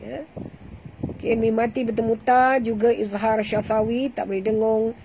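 Malaysian lady teacher going over recitation rules, soft dark tone, faint hiss behind. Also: on the high side, flat delivery, muffled recording. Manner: patient, repeats sounds slowly and corrects pronunciation. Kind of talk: online tajwid class, explaining and demonstrating recitation.

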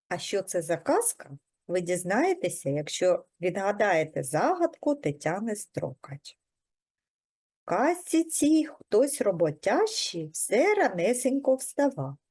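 Expressive woman reading to preschoolers. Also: mid-range voice, breathy edge. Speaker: preschool teacher. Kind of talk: reading a folk tale to children.

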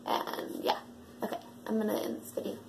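A woman's voice: fairly quick, noisy background. A young woman vlogging in a casual, rambling way, full of fillers and self-mocking asides. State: out of breath. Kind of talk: casual chat to camera.

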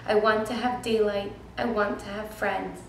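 A sad young girl pours out a pleading prayer for a miracle, as a woman teacher reads her part from a storybook. The voice is only a little raised and softened, and the very echoey room rings around it. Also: medium pitch, steady tone, normal speed, creaky, slight background noise, close to an everyday voice.

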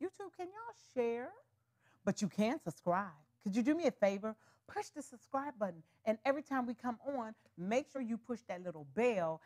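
A woman with a high, slightly bright voice hosts a live wig sales show, chatting casually with viewers and calling them honey and y'all. She hard-sells the deals in the style of a live shopping stream.

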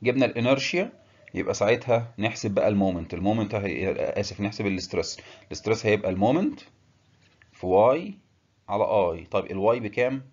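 Fast-talking Egyptian man lecturing. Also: fairly low pitch, animated, a little mellow, muffled recording. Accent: Egyptian Arabic. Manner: explains step by step with frequent filler pauses and English technical terms. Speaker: engineering lecturer. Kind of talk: technical lecture.

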